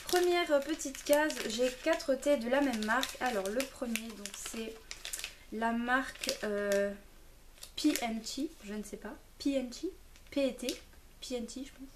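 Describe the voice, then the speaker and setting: A woman's voice: on the high side, unhurried, background noise. A young woman vlogging a casual unboxing at home, chatty and hesitant with lots of fillers, a little far from the camera. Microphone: camera mic, a little far.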